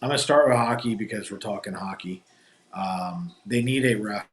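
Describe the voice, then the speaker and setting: A man from New Jersey hosts a live stream, casually chatting and rambling through opinionated sports talk. His voice sits on the low side at a normal speed, and the room is echoey.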